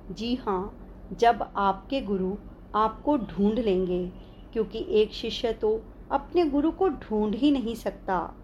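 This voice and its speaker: Slow, heartfelt woman narrating a memoir. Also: on the high side, a little hiss or hum. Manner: expressive, heartfelt, reflective. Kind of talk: first-person memoir narration.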